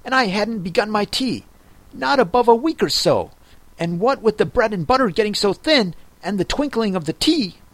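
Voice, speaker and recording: A man voicing a nervous, rambling male hatter who speaks in a trembling, hurried way. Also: very high voice, big pitch swings, no echo, voice pushed up, exaggerated voice.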